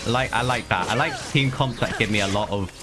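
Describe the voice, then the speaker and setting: Over loud game music, a man talks fast at a medium pitch while livestreaming a video game. His chat with viewers is casual and repetitive, and he keeps addressing them as lads.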